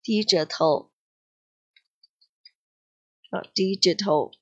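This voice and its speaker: A woman teaching an English exam lesson, explaining slowly and patiently and repeating key words. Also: medium pitch, breathy edge, muffled recording. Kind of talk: exam-prep grammar and vocabulary lesson.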